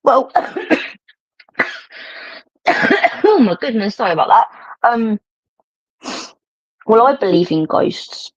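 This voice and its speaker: A woman's voice: a little high, sing-song, takes it slowly, long pauses, slightly rough. A middle-aged woman, chatting casually to viewers as a livestream host, rambling and laughing often. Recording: dull lo-fi stream audio.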